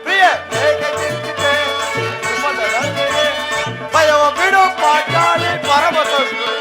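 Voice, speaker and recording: Man playing mighty warrior Bhima, village stage play, theatrical declamation, slow sung verses, high-pitched. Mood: singing. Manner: slow drawn-out singing, loud theatrical declamation. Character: mighty warrior prince Bhima, ardent devoted husband. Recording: live stage recording with loud music.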